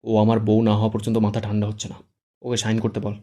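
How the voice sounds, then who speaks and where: A man's voice: fairly low pitch, completely flat delivery, quick pace, dark tone, close to an everyday voice. A man voicing a hot-tempered young groom who gives curt, threatening commands. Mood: bossy.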